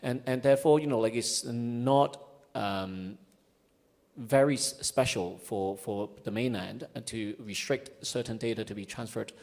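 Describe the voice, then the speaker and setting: A man's voice: medium pitch, measured pace, creaky, darkish tone. A man speaking as a conference panelist in a hesitant way, with many fillers. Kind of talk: panel discussion.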